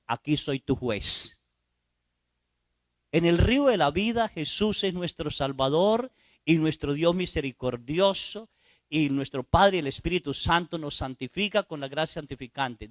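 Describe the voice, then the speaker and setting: Storytelling priest preaching. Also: male voice, on the high side, a bit bright, no echo, clean studio sound. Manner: storytelling preacher who acts out voices and asks "¿sí?". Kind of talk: sermon.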